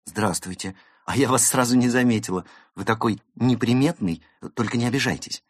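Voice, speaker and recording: A man voicing a naive, cheerful young female fox who gets easily excited. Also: mid-range voice, a little fast, no echo, studio quality, voice pushed up, lightly acted. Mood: puzzled. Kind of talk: audiobook character voice.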